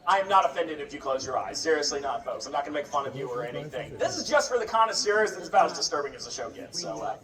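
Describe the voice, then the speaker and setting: A sword swallower giving comic live stage patter to a festival crowd, with a showman's wry, joking banter. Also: medium pitch. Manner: sword swallower's showman delivery addressing onlookers. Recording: roomy, distant mic with crowd noise.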